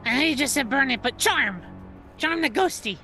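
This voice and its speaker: A woman's voice: sits high, lively intonation, moderate pace, sharp tone, faint music behind. A woman playing a tabletop game, chatty and playful. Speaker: player. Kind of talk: casual tabletop play.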